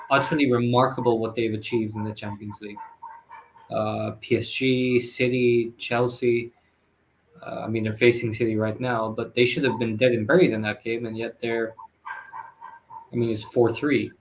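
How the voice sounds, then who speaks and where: A man with a mid-pitched, everyday voice talks football with a co-host. He hesitates often and restarts his sentences, leaning on filler words as he thinks aloud. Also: flat delivery, moderate pace, a little hiss or hum, low-quality recording. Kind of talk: casual football chat.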